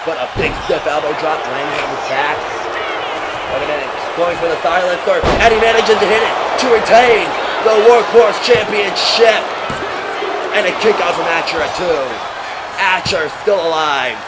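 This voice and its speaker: A man's voice: sits high, normal speed. A man working as a wrestling commentator, calling the action move by move with dramatic, exclamatory delivery. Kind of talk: excited play-by-play wrestling commentary. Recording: loud crowd and heavy arena noise. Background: noisy crowd.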